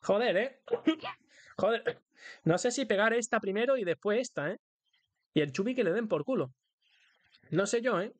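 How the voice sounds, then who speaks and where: A man's voice: high voice, animated, normal speed, pauses often, no room sound. A man with a Spain Spanish accent giving playful, singsong, crude live commentary as a streamer while he plays a game.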